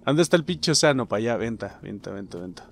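A young Mexican man giving excitable, casual gameplay commentary, swearing freely and talking to his viewers. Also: on the low side, fairly quick, vocal fry. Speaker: gameplay streamer.

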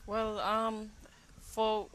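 A woman, speaking on a fisheries panel in a measured, reassuring way. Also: medium pitch, completely flat delivery, a bit bright, slight background noise, rough recording. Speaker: fisheries project manager. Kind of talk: panel discussion. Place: outdoor garden set. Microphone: lapel.

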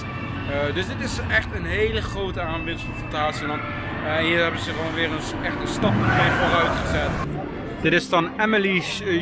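A man the doing casual theme park vlog commentary, explaining things in a hesitant, halting way. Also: a little high. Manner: hesitant, explanatory, filler-heavy. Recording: loud music behind the voice.

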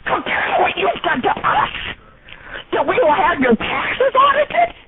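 High-pitched ranting older woman, tinny phone. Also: huge pitch swings, a little slow. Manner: ranting, accusatory, repetitive. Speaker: angry call recipient. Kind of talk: heated phone argument. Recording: tinny, noisy phone line.

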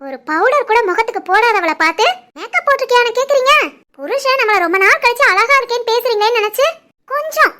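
A woman voicing a caring middle-aged wife and mother in an animated family story, with a southern Tamil Nadu accent and a brisk, homely, scolding manner. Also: extremely high pitch, exaggerated voice. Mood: teasing.

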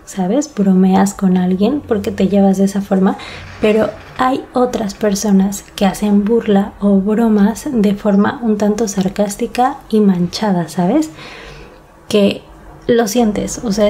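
A woman's voice: medium pitch, unhurried, mellow, a little hiss or hum. A woman in her thirties with a Mexico City Spanish accent, talking candidly to her listeners as a podcast host. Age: 30s. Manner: candid, conversational, talks to listener directly. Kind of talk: casual monologue podcast.

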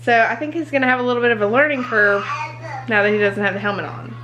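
High-voiced chatty young mom vlogging. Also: female voice, fast. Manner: chatty, rambling, talks to camera between asides to her children. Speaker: vlogger and mother. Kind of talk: casual home vlog. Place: indoors at home. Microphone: handheld compact camera.

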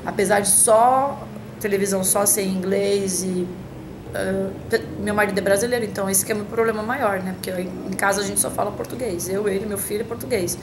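A woman's voice: medium pitch, fairly even intonation, brisk, noisy background. Chatty Brazilian woman vlogging from home. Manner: chatty, hesitant, many restarts and fillers. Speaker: vlogger answering a tag. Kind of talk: casual talk to camera.

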